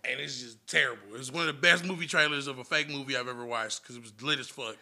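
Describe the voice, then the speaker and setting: A man's voice: medium pitch, fast, bright, forceful tone. A man on a casual podcast, telling a long story in a rambling, profane way and laughing often. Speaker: podcast guest.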